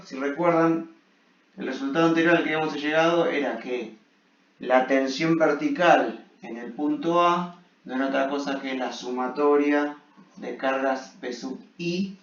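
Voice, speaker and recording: A man giving an engineering lecture at a blackboard, explaining step by step with frequent check-in questions. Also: mid-range voice. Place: echoey room at a blackboard. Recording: echoey room, muffled, distant mic.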